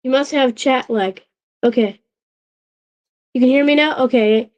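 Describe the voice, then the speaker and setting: A woman with a high voice hosts a casual stream, her speech halting, full of restarts and check-ins with chat. A sore throat that's still on the mend leaves her voice a bit off.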